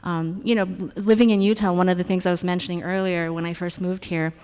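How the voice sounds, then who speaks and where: A woman's voice: fairly low pitch, flat delivery, fast talker, a little mellow, smooth. A woman psychologist speaking thoughtfully and reflectively on a panel, with some fillers. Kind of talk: panel discussion talk. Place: university lecture hall. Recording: long hall reverb.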